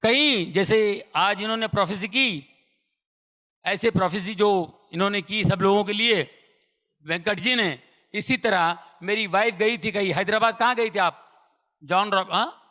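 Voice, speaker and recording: Giving testimony in a sermon, a middle-aged preacher with a notably high voice repeats lines emphatically, pushing some loud and dropping others to a hush. He speaks a little slowly, and the large hall adds a long reverb to his words.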